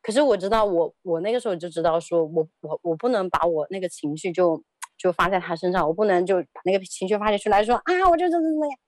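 A woman's voice: on the low side, fast, a little mellow, no room sound. A woman in her thirties telling a personal story as an interview guest, hesitant, often repeating words and laughing.

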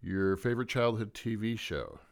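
A man's voice: fairly low pitch, lively intonation, normal speed, gravelly. A man hosting a casual sports interview, asking chatty, jokey questions. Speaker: interview host.

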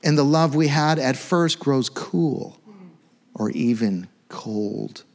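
A man's voice: mid-range voice, expressive, slow pace, gravelly, darkish tone. A middle-aged man preaching a sermon as a pastor, fervent and exhorting, in an informal, conversational way with repeated phrases for emphasis.

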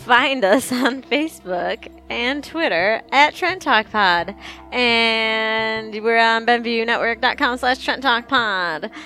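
A woman co-hosting a casual podcast, playful and teasing, quick to laugh. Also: on the high side, bright, forceful tone, soft background music. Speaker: podcast co-host.

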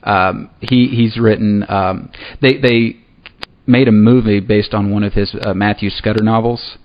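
Man, interview host, lowish voice, relaxed, hesitant, muffled lo-fi audio. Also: unhurried. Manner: relaxed, hesitant, restarts often. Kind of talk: casual interview chat. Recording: muffled lo-fi audio with faint noise.

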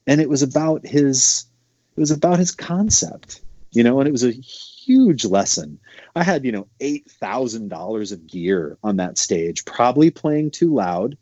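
A man in his thirties from Montana, a bass player talking loosely with lots of fillers. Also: expressive, unhurried, warm tone, no echo, highs cut off. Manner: loose, rambling storytelling with many fillers. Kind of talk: casual conversation.

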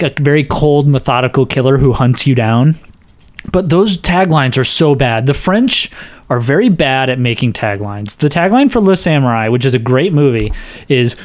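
Podcast co-host, male, lively up-and-down delivery, dry close sound, jokey. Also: mid-range voice, no echo. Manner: animated, joking, laughs often. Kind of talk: casual movie chat.

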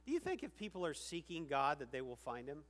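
Man, pastor, sermon, fairly high voice, emphatic, loud and hushed by turns, long hall reverb. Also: sing-song, quick pace.

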